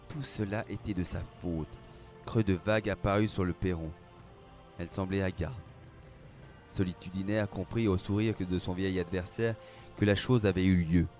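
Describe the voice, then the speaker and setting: A man reads a story aloud in a measured, dramatic manner. His voice sits a little low. Soft music plays quietly under the narration. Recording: faint background music.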